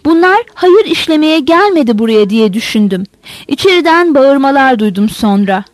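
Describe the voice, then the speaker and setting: A woman's voice: high voice, sing-song, moderate pace, no room sound. A woman reading the part of a frightened peasant woman who stammers and sobs through her account.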